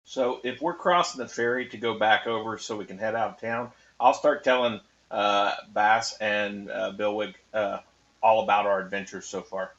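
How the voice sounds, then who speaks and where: Man, lowish forceful voice, casual game player, slightly muffled lo-fi recording. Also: fairly even intonation, moderate pace.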